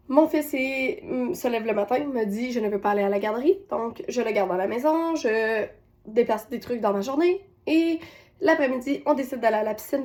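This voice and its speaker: A woman's voice: fairly high pitch, a little mellow. A woman with a Québécois accent telling a personal parenting story, retelling scenes with quoted voices. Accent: Québécois French. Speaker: parenting coach.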